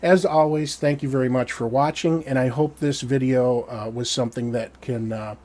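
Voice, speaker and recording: A man's voice: mid-range voice, fairly even intonation, a little mellow. Wry man reviewing a product. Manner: wry, descriptive, measured delivery. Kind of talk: scripted product review to camera. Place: small dark indoor studio.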